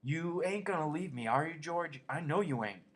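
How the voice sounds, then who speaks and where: A man's voice: lively intonation, moderate pace, fairly bright tone, husky. A man doing a childlike, whiny simple man. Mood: eager. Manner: high pleading whine. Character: slow-witted big gentle man, childlike and anxious.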